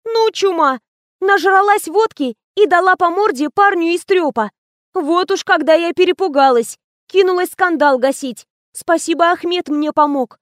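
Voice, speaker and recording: A silly young office girl who gushes and whines through her gossip, as a woman narrator puts her on. The voice sits well above the reader's own, chirpy and high. It comes across dry and close, with no room sound. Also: normal speed, no echo. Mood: gushing. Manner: gushing, whiny chatter. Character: silly gushing young female PR assistant.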